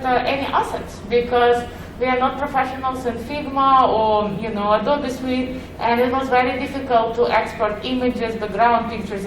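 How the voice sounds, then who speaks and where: Heard from afar in an echoey conference session room, a Ukrainian woman delivers a warm talk peppered with "uh." Her accented voice is fairly high and a bit muffled, and there's a little hiss or hum.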